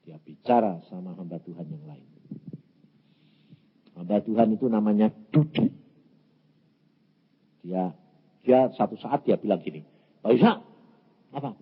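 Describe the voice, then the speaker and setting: A man's voice: on the low side, unhurried, pauses often, slightly rough. A man in his eighties with a Javanese accent, preaching a story-filled sermon and acting out dialogue in many voices. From Indonesia. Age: 80s. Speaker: evangelist preacher. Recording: muffled lo-fi sermon recording.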